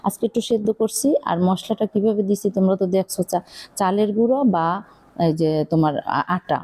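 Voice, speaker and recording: বরিশালের টানে মাঝবয়সী মহিলা, রান্নার ভিডিওতে খোশগল্প, অনেক আ উম, ঘরোয়া আলাপ. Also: female voice, medium pitch, normal speed, dark tone, breathy edge. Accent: Barishal Bengali. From Bangladesh. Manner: chatty, rambling, confiding, many fillers. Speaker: cooking vlogger. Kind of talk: casual chat while cooking.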